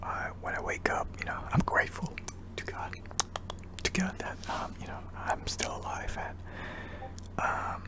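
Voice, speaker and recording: This ASMR channel host is a young Indonesian man who whispers hesitantly, dropping in lots of ums as he answers viewer questions. His delivery is unhurried, and he pauses often.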